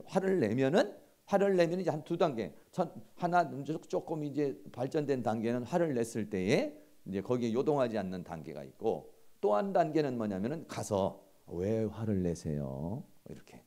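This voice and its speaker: A middle-aged man giving a seminary lecture in a conversational, animated way, acting out everyday quarrels. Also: mid-range voice, moderate pace, vocal fry, hardly any pauses.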